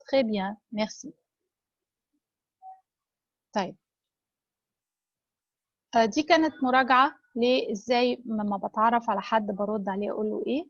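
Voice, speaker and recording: A woman with an Egyptian Arabic accent gives a recorded French lesson in a fairly high voice. She says each French word slowly and carefully, then repeats it. The sound is dull and lo-fi, with a dry, close feel. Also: no room sound. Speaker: French teacher. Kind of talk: recorded lecture.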